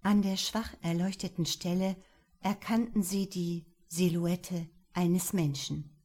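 A woman narrating an audiobook in a calm, measured way. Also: on the low side.

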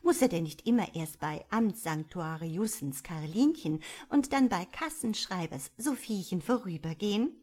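A woman's voice: lowish voice, lively intonation, normal speed, few pauses, warm tone. A woman voicing a cheeky young sister who teases her brother. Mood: teasing. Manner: teasing, pert.

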